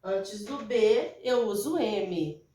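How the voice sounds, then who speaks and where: A woman's voice: medium pitch, lively intonation, mellow. A Brazilian woman teaching a recorded lesson to young children, explaining patiently and repeating herself, often checking that her pupils follow. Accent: Brazilian Portuguese. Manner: slow, patient, repetitive explaining with check-ins. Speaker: primary school teacher. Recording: echoey room, mic at a distance.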